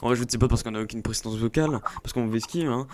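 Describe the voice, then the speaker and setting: A man's voice: medium pitch, very fast, a little mellow, slight background noise. A man mocking and taunting a rival in an online voice call, repeating his jabs over and over. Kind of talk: heated voice-chat argument.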